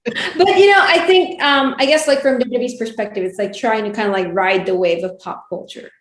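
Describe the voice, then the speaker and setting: A woman who works as a wrestling ring announcer and reporter chats casually as an interview guest, her voice on the high side and fairly quick. She's giggly and keeps saying "like" and "you know," and the recording sounds roomy and echoey.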